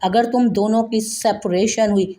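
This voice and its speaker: A stern, commanding elder brother, as a woman storyteller reads him. He speaks gravely and firmly, laying down the terms, in an ordinary pitch. A family drama audiobook. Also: fairly even intonation, measured pace, warm tone, natural voice.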